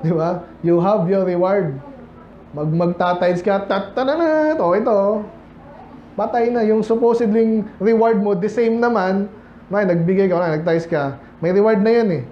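A man's voice: sits high, moderate pace, a little hiss or hum. A Filipino man preaching a casual, conversational sermon to his congregation, often asking them rhetorical questions. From Philippines. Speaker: pastor. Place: church sanctuary. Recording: echoey church hall, slightly dull sound.

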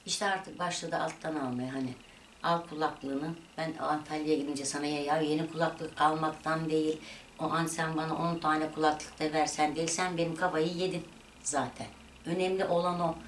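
Low-voiced woman telling a story in a roomy echo. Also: normal speed. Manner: animated retelling of a quarrel, voices rising and dropping. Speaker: vlogger. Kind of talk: casual storytelling. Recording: echoey room, voice from a distance, faint noise.

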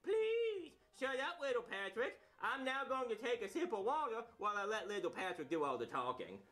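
A man's voice: very high voice, sing-song, normal speed, fairly bright tone, exaggerated voice. A man doing a squabbling ventriloquist and his dummy. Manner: squabbling, switching between two voices. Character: bumbling male ventriloquist bickering with his dummy.

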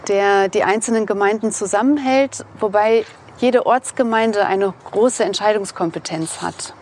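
A woman in her thirties from eastern Germany, calmly presenting to camera outdoors on a lapel mic. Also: medium pitch, slight background noise. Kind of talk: scripted explainer to camera. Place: outdoors in a sunny park.

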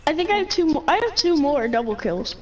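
A woman's voice: high voice, big pitch swings, a little mellow, lo-fi sound, a little hiss or hum. A woman playing a shooter game alongside a streamer, chatting casually and cheering her kills. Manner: eager, quick to cheer her own kills. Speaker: co-player. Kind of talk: casual gaming chat.

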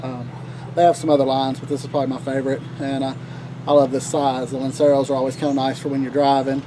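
A man with a Southern accent chatting casually to camera about cigars, relaxed and rambling with lots of fillers, recorded outdoors on a deck. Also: medium pitch, quick pace, background noise. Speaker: cigar vlogger.

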